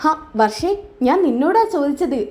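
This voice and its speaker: A woman's voice: high voice, animated, normal speed, a little mellow. A woman voicing a caring young sister-in-law who coaxes and asks worried questions. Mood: coaxing, worried. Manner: coaxing, questioning.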